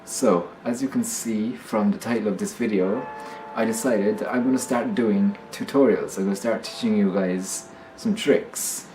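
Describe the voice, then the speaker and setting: A man's voice: fairly low pitch, normal speed, a little mellow, roomy sound, slight background noise, rough recording. A man hosting a magic tutorial in casual card magician patter, explaining step by step and often repeating himself.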